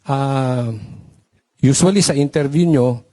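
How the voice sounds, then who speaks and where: A man co-hosting, asking the guests challenging questions at a brisk pace. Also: mid-range voice, warm tone. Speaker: co-host and vlogger.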